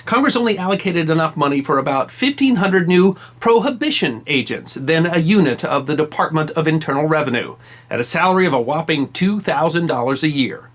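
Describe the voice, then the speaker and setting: Telling a scripted history story, this male channel host pitches his voice a bit high and lets it rise and fall sharply to lean on important words. He's animated and a little fast, punctuating the tale with dry, emphatic wry remarks.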